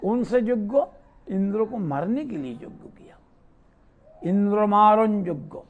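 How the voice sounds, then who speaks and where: A man with a high, animated voice tells devotional stories in an unhurried way. He asks the listeners questions and then answers them himself. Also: narrow, tinny audio. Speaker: spiritual teacher giving a discourse. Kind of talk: devotional scripture storytelling.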